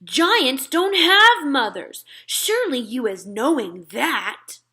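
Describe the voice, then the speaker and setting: A woman's voice: high-pitched, sing-song, slow, sharp tone, voice pushed up, full character voice. A woman voicing a very old friendly giant in a children's storybook, declaiming theatrically and indignantly in garbled grammar. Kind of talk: children's storybook read-aloud.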